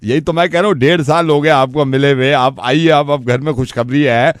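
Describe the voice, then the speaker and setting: A man hosting a radio prank call, posing as a doctor and talking to the caller in a calm, patronizing way. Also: on the high side, fairly quick, clean tone, no echo, studio quality. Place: radio studio.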